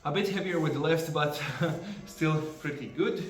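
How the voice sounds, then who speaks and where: A man's voice: fairly high pitch, a little slow. Man vlogging his workout from afar. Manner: breezy, explaining exercises between sets with many fillers. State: out of breath at times. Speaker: arm wrestler filming his training. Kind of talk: casual training vlog. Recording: roomy sound from a far camera, faint music.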